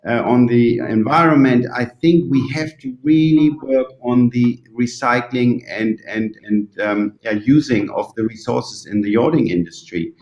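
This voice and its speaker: A man with a German accent, a native German speaker, giving thoughtful interview answers haltingly, searching for words as if translating in his head. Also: mid-range voice, darkish tone, lo-fi sound. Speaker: interview guest from the yachting industry. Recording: roomy, echoing sound.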